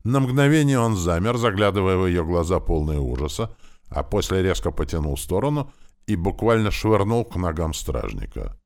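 Very deep-voiced male audiobook narrator. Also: animated, normal speed, darkish tone.

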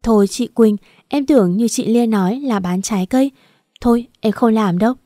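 A stubborn young working mother in a read-aloud audio story, her voice warm and mellow. A woman voices her with little change from her own voice. The recording is close and dry. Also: fairly high pitch, normal speed, no room sound, close to an everyday voice. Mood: refusing.

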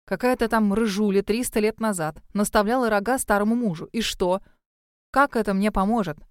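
A sullen, grumbling werewolf master from a storybook, talking low and quiet, as a woman reader puts him on. His lines are muttered and gloomy, in a dry, close recording. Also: fairly quick, clean tone, dry recording, close to an everyday voice. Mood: irritated. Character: gruff grumpy male master, a werewolf.

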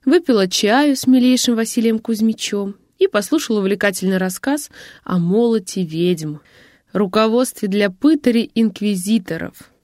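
A woman narrating a first-person novel as an audiobook, in a wry, even storytelling manner. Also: medium pitch, normal speed, no room sound, studio quality.

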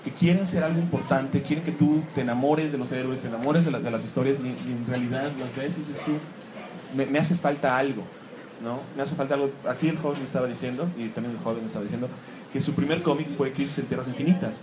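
This man speaks fast at a medium pitch, presenting a live, jokey talk about comics to listeners in a room. He mocks himself and drops in animated asides, and the background noise is clear.

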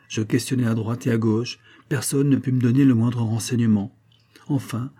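Man voicing a dark, husky aggrieved pawnbroker. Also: mid-range voice, close to an everyday voice. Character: indignant red-haired middle-aged male pawnbroker. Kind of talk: audiobook reading.

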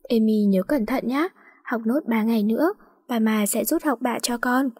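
A woman's voice: fairly high pitch, moderate pace, breathy edge. Woman voicing a caring mother-in-law. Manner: gently admonishing.

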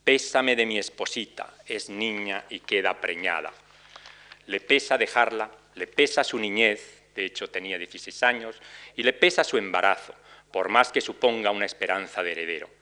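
A middle-aged man giving an academic lecture, reading out quoted ballad verses in a slower, measured cadence. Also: lowish voice, bright, forceful tone. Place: lecture hall.

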